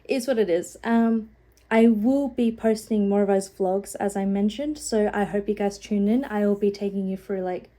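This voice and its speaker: A woman's voice: mid-range voice, moderate pace, dark tone. A young woman with a cold, nasal and sniffling, chatting casually and rambling about her sketchbook into a phone at home. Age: young adult. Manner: rambling, many "like"s, self-deprecating. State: sniffling, a bit out of breath. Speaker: art vlogger. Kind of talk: casual chat.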